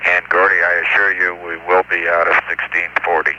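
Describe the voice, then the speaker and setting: An astronaut speaking over a crackly space-to-ground radio transmission, calm and clipped, pausing with fillers. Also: male voice, low voice. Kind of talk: mission radio communications. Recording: muffled archival radio link with hiss.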